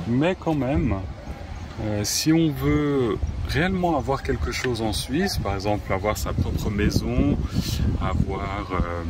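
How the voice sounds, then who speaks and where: A man, a teacher vlogging outdoors at a zoo in a slow, hesitant way with many pauses. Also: medium pitch, expressive, background noise. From Switzerland. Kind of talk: casual vlog narration.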